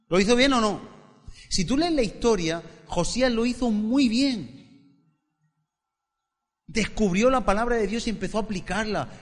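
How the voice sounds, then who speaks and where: A male pastor, praying and preaching a sermon, who stumbles over repeated words and builds to emphatic passages. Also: high-pitched. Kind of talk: sermon with opening prayer. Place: church hall. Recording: long church-hall reverb.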